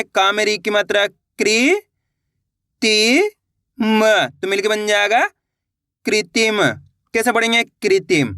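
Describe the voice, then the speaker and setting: A man's voice: sits high, bright, forceful tone, dry recording, clean studio sound. A man teaching Hindi reading, sounding words out syllable by syllable, blending them, and checking that his viewers follow. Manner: addresses viewers as friends, checks understanding. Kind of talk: step-by-step phonics lesson.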